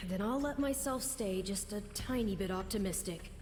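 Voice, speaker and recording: A woman playing a cryptic, youthful spirit guide in a video game, measured and slightly snarky. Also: mid-range voice, natural voice. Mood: ominous, measured. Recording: reverberant game dialogue over music.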